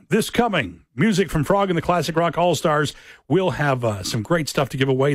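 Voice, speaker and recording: A man working as a radio DJ, making station announcements in a relaxed way with small fillers. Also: on the high side, dry recording, studio quality.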